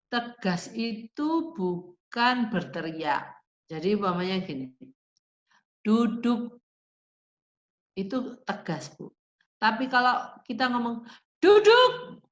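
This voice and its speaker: A woman's voice: medium pitch, a bit bright. A woman giving a seminar talk to parents, speaking conversationally and acting out short firm instructions. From Indonesia. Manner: conversational, addresses audience as Ibu, acts out firm instructions. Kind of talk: seminar lecture answering parents' questions. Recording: echoey hall, dull lo-fi sound.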